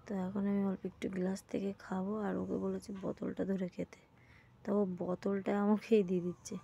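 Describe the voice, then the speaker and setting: A woman's voice: mid-range voice, little pitch movement, brisk, gravelly, dark tone, slightly rough, dull audio. A young woman, talking in a casual daily vlog at home while she feels sick and has a sore throat. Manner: tired and unwell, talking through her day. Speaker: vlogger. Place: at home, indoors.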